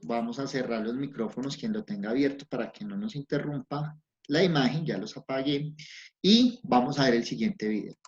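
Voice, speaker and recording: A man's voice: medium pitch, normal speed. A man teaching an online class to young children, patient and encouraging, asking lots of questions. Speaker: primary school teacher. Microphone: video call. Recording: dull lo-fi sound, faint noise.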